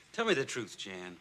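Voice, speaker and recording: A man's voice: mid-range voice, pushed and bright, full character voice. An actor playing a smug, smarmy womanizing old school friend, on a noisy old TV soundtrack. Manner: smooth, slow, smarmy.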